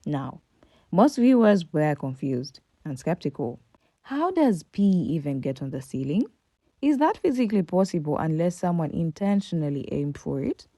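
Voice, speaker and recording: A woman's voice: sits low, sing-song, moderate pace, warm tone, no echo. A woman reading a scripted commentary voice-over, emphatic and full of rhetorical questions. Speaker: commentary narrator.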